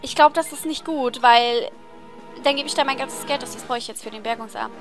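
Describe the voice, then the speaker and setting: A woman's voice: sits high, a little fast, faint music behind. A woman playing a video game and commenting casually, reading the game text aloud in a chatty, easily frustrated way. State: tired voice. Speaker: let's play host.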